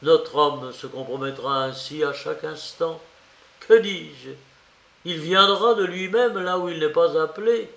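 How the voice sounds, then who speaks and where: A man's voice: fairly high pitch, vocal fry, fairly bright tone, roomy sound, pitched above the performer's own voice, full character voice. A man reading aloud voices a fussy, sly middle-aged magistrate who coaxes and frets over his visitor. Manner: coaxing, fretful fussing.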